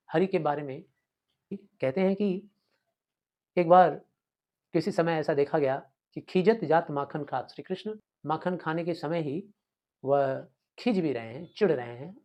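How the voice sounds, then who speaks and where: A man teaching a class, explaining a poem line by line, reciting the verses slowly and often checking that his students follow. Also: fairly high pitch, darkish tone. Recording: dull lo-fi sound.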